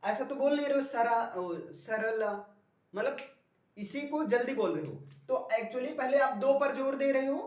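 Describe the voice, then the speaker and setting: A man's voice: very high-pitched, animated, moderate pace, a little mellow. Male classroom teacher, quizzing style, recorded at a distance in a reverberant room. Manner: drills the class with repeated questions. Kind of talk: classroom spelling lesson. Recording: echoey room, voice from far off.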